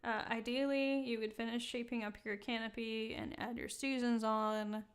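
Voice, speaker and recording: A woman hosting a live-streamed software tutorial, talking casually with many fillers and laughing at her own slips. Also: fairly high pitch, little pitch movement, normal speed. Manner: casual, chatty, many ums, laughs at herself. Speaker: software demo host. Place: indoor room.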